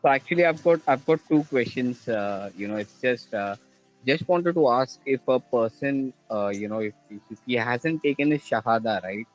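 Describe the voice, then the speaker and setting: A man from India, calling in with questions, halting and restarting as he searches for words. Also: mid-range voice, faint music behind. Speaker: caller. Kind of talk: call-in question to a religious show. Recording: dull lo-fi call line.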